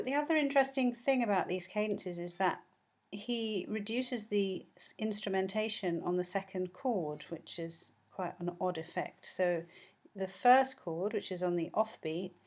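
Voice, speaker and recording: A woman's voice: on the low side, darkish tone. A woman teaching music analysis, explaining a score step by step and humming short bits of melody. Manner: explanatory, sings snippets of melody.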